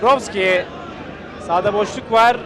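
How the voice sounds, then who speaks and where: A man giving live football play-by-play in clipped phrases, calling out players' names and shouting excitedly at chances. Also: high voice, measured pace. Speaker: football commentator. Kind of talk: live play-by-play match commentary. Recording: loud crowd and noise behind. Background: stadium crowd.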